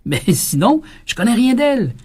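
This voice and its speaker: Québécois priest telling a story. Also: male voice, very high-pitched, normal speed, husky. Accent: Québécois French. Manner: lively storytelling, acting out quoted dialogue. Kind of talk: storytelling sermon.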